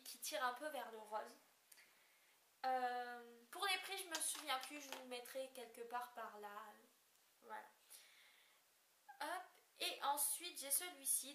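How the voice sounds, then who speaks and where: A woman's voice: high voice, a bit bright. A young woman chatting casually in a haul video, hesitant and full of fillers. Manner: hesitant, many fillers, apologetic about describing colors. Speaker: beauty vlogger. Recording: echoey room with faint hiss.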